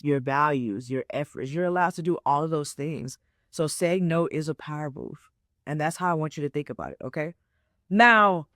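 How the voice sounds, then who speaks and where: A woman in her twenties with a voice that sits low, recorded cleanly in a studio with no echo. As a life coach on a solo motivational podcast, she speaks casually, checks in often with "right?" and "okay?", and repeats herself to stress ideas.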